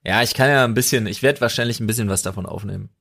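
A young man on a podcast, ranting deadpan in mock earnest about wild conspiracies in casual chat. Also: on the low side, very fast, creaky, over a noisy crowd. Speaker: podcast host.

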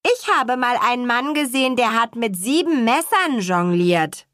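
A woman's voice: a little high, expressive, measured pace, fairly bright tone, no room sound, studio quality, pitched above the performer's own voice. Woman doing an eager young boy.

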